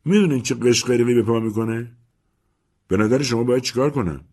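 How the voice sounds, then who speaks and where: A man's voice: mid-range voice, a little mellow, husky, voice pushed up. A man voicing an eager, nosy young man. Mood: earnest. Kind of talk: audiobook character voice.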